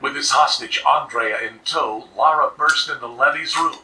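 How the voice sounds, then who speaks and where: A man giving scripted true crime narration in a steady, serious way, played back from a video. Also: mid-range voice, normal speed, far from the mic, very noisy. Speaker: documentary narrator.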